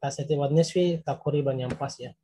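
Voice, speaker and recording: A man's voice: on the high side, steady tone, fairly quick, mellow, a little hiss or hum. A man giving a recorded Arabic grammar lesson, explaining patiently and translating each word. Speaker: Arabic teacher.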